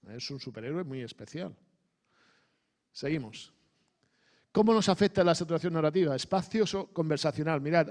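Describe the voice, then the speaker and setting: A middle-aged man giving a conversational sermon, often checking in with the audience. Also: on the high side. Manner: animated, asks the audience frequent questions. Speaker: preacher. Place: church hall.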